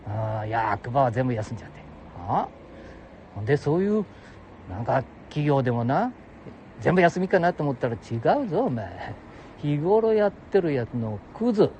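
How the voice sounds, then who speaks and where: Gruff older man, heavy ramble. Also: mid-range voice, very animated, normal speed, warm tone, dull audio, a little hiss or hum. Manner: gruff, jokey, talks to listeners as "お前". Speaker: solo audio show host. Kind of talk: rambling casual monologue. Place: outdoors beside a public toilet.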